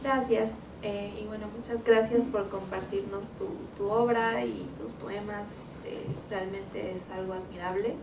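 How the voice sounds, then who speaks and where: A woman's voice: mid-range voice, fairly even intonation, measured pace, few pauses. A woman from the audience asking a question, polite and hesitant. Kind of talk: questions from the floor. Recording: echoey room, distant mic, noise.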